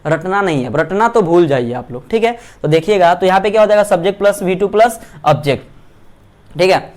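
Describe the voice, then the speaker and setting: A man teaching English grammar, asking himself questions and slowly spelling out sentence structures. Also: sits high, expressive, a little mellow. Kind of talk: Hindi lecture on English grammar.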